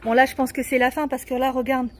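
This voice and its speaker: A woman guiding a child through a garden treasure hunt, patient and encouraging, spelling words out slowly letter by letter. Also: sits high, flat delivery, a little hiss or hum. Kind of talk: casual family video chat. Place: outdoors in a garden.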